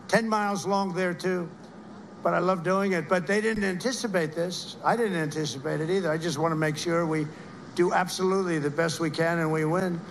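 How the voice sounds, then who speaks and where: A man's voice: sits high, slight background noise. A man giving a rambling rally speech, heaping repeated praise on people in the crowd. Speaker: political speaker at a rally.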